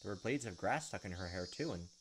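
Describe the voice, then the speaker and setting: Game music and insect noises fill the noisy background as a man hosts a webcam playthrough at his desk, reading visual novel narration and breaking in with blunt, casual remarks. He speaks fast in a low voice with lively intonation.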